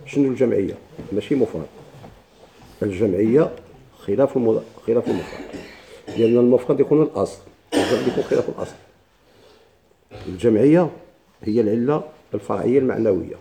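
Very dark-voiced man teaching grammar. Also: medium pitch, fast talker, vocal fry, long pauses, slight background noise. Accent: Moroccan Arabic. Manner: explains step by step with rhetorical questions and repetition. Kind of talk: classroom grammar lesson.

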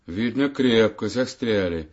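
A man's voice: lowish voice, expressive, measured pace, darkish tone. A man voicing a jolly, easygoing young man in a children's fairy tale. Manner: jolly, breezy. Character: cheerful young man May, playful and easygoing. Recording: dull lo-fi audiobook recording.

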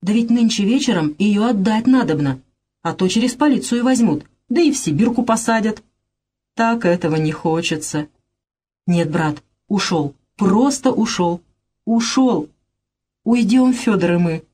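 A woman's voice: medium pitch, lively intonation, measured pace, warm tone, husky. A woman voicing a panicky, scheming middle-aged male swindler in a dramatized reading of a play, who exclaims and wails in a frantic way. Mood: anxious.

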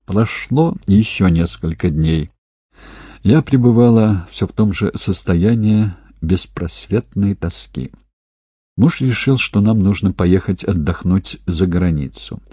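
A man reading a novel aloud as narrator, calm and measured. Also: low-pitched, breathy edge, no room sound, studio quality. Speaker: audiobook narrator. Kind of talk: scripted narration.

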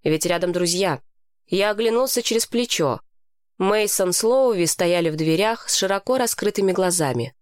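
A woman narrating a children's book in the first person, clear and even. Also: lowish voice, moderate pace, no room sound, studio quality. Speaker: audiobook narrator. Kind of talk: scripted narration.

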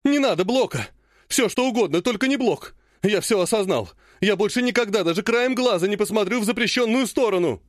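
A man's voice: high voice, lively intonation, fairly quick, dry recording, studio quality, pitched above the performer's own voice. A man voicing a frightened young male healer who whines and pleads tearfully. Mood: desperate pleading.

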